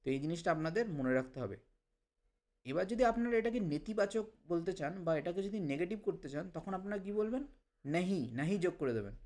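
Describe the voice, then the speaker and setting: A man with a Bengali accent teaching a language lesson, repeating example phrases slowly for learners. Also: sits high, animated, darkish tone. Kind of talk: explanatory lesson.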